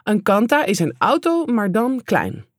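Calm woman reading an audiobook. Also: medium pitch, a little slow, no room sound, clean studio sound. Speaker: audiobook reader. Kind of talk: audiobook narration.

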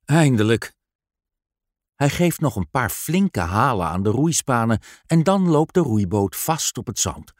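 A man narrating a children's story aloud in a slow, expressive storytelling manner. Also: medium pitch, no room sound, studio quality.

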